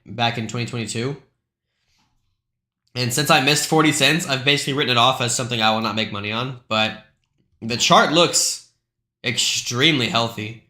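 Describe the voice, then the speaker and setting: A man's voice: mid-range voice, normal speed, pauses often, pushed and bright, reverberant. A man hosting a live stream, talking through price charts in a loose, chatty way with lots of asides. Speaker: crypto live stream host.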